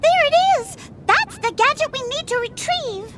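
A woman voicing a sweet, earnest mouse princess with a squeaky, genteel way of speaking in a game cutscene. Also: lively intonation, moderate pace, heavy background noise. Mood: urgent. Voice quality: squeaky, high. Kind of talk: scripted video game cutscene acting.

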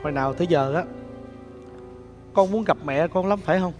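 A man's voice: a little high, a little fast, lightly acted. An actor playing a poor street-singer father, speaking with a coaxing, tender manner. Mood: gentle. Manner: coaxing, tender, then loud and frantic. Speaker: actor in a staged skit. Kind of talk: sentimental stage drama. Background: music.

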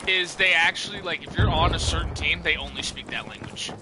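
A man giving casual gameplay commentary, excitable and rambling, swearing freely. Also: on the high side, brisk. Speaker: gamer. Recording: loud game audio behind voice. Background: gunfire and engine noise.

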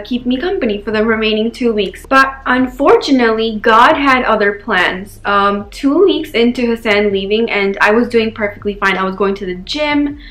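A young New York woman talks candidly to the camera from her bedroom, her voice fairly high and a little bright. The lifestyle vlog chat is casual and full of filler words, and the sound is roomy.

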